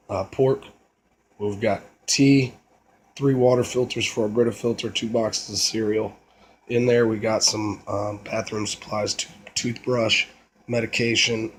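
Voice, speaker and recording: A man with a raspy voice, rough from being under the weather, talking matter-of-factly in a casual video log. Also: lowish voice, fairly bright tone. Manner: matter-of-fact, plain listing of plans and supplies.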